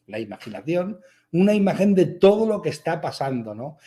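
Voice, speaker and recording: A man's voice: on the high side, mellow. A man giving a motivational spiritual talk, repeating his points emphatically and asking rhetorical questions. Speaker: spiritual speaker.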